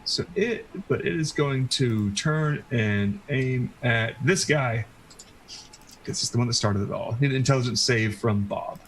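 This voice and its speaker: A man's voice: mid-range voice, a little slow, slight background noise, poor audio. A man running a tabletop game as game master, narrating casually with frequent fillers.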